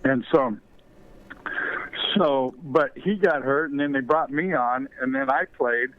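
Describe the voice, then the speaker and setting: An older male guest on a podcast interview, a former ballplayer and author, tells anecdotes in a mid-range voice at a measured pace. His storytelling is loose, digressive, and full of fillers, heard over a tinny phone line.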